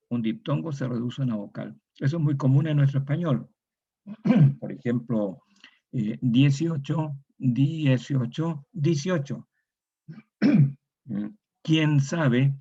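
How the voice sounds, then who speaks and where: A man's voice: medium pitch, creaky, dark tone, breathy edge, dull audio. A Chilean man giving a methodical lecture, repeating each example word and adding tag questions. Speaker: university lecturer. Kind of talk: recorded online lecture.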